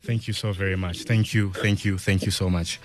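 A man's voice: deep voice, fairly even intonation, moderate pace. A South African man presenting a morning radio show like a DJ, speaking earnestly and emphatically, repeating phrases as he appeals to listeners. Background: music under the voice.

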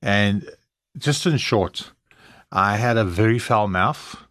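Interview guest: middle-aged South African man, plain low-pitched voice, frank storytelling, dry recording. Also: slow, fairly bright tone, no room sound. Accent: South African English. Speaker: guest sharing his testimony.

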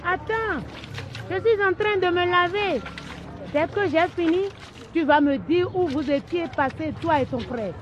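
A worried, scolding mother in a radio drama. Her voice is very high and comes through dull and muffled. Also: unhurried.

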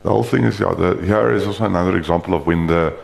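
A man with a low, creaky voice talks fast through an informal live demo of screen reader software. His delivery rambles loosely, and he restarts his sentences frequently.

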